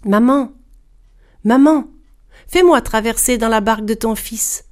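A woman's voice: a little high, moderate pace, lightly acted. A woman voicing a young bride who pleads and cries out for help, in a storybook reading. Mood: pleading. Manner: pleading, rising to urgent cries.

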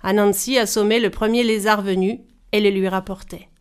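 A woman storyteller reading a folktale aloud in a measured, expressive style. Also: medium pitch, clean tone. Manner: measured, animated voices for characters.

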